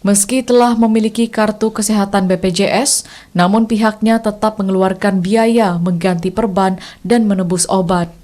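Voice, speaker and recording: A female news anchor reading scripted reports in a formal, measured way. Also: mid-range voice, steady tone, mellow.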